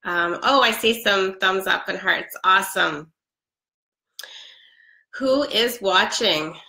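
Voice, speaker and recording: A product seller with a head cold chats on a casual webcam live stream, her mid-range voice bright, forceful and slow, with vocal fry. She stays upbeat and talkative, laughing often and saying um a lot. The webcam is close, and her living room with its Christmas tree sounds echoey.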